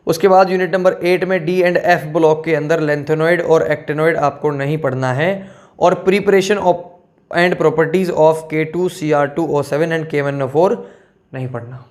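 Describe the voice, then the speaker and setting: Higher-pitched man explaining a syllabus. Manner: repeats "theek hai" often, addresses students as children; switches between slow read-out terms and quick asides. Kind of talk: casual explanatory lesson.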